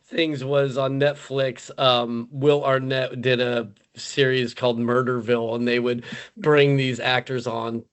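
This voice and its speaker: A man's voice: mid-range voice, level tone, measured pace, clean tone. Podcast host guy chatting about a movie, lots of um and like, laughs a lot. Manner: loose and filler-heavy, laughs easily. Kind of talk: casual film review chat.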